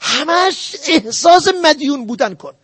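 Brief: male preacher with a very high voice, earnest and exhortative, dry close sound. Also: lively intonation, a bit bright, dry recording. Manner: earnest, exhorting the audience directly. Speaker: religious lecturer. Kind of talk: sermon on family ethics.

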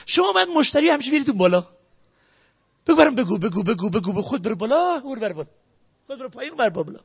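Very high-voiced man giving an emphatic lecture. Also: very animated, gravelly, slightly rough. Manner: emphatic, repetitive, talks straight to the audience; swings between loud stresses and quiet asides. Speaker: sales lecturer. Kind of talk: motivational lecture.

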